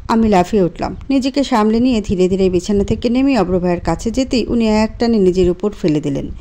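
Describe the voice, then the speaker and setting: A woman reading a romantic story aloud in the first person, with a gentle, expressive delivery. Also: medium pitch, fast.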